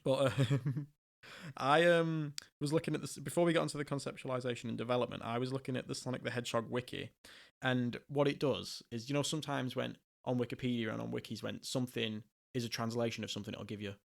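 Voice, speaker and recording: A man's voice: medium pitch, steady tone, fast talker, creaky. A young man hosting a podcast, chatting casually, laughing often and rambling through asides. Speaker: podcast host.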